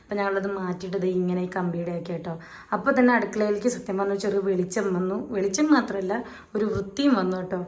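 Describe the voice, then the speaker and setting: A young mother vlogging from her home kitchen, talking to viewers in low, soft asides. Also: fast talker. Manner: high sing-song baby talk with her toddler. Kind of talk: casual home vlog.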